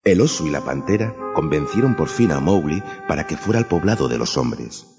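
A deep-voiced male storyteller. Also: brisk. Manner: expressive and lively. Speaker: narrator. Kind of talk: storybook narration. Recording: echoey, dull, music behind.

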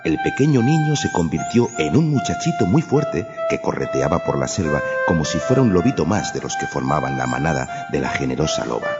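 A man narrating a children's story in an expressive, lively way. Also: extremely low pitch, fairly quick, few pauses. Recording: echoey, dull, music behind.

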